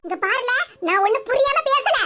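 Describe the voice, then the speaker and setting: A woman's voice: lively intonation, moderate pace, heavy background noise. A voice actor playing a fierce old mother with a southern Tamil accent, scolding her son in a cartoon comedy. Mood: accusing. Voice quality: high, shrill, accusing.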